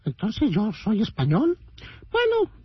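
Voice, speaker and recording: A man's voice: sits high, huge pitch swings, slow pace. A Mexican man leaving a comedic voice message for a radio show, talking in a theatrical, boastful, sing-song way. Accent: Mexican Spanish. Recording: dull radio-broadcast sound.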